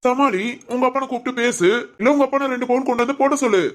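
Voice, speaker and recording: A woman voicing a dismissive young husband in a cartoon family drama, talking in a gruff, scolding way. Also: high voice, fast, close to an everyday voice. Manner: gruff, scolding, self-pitying complaints.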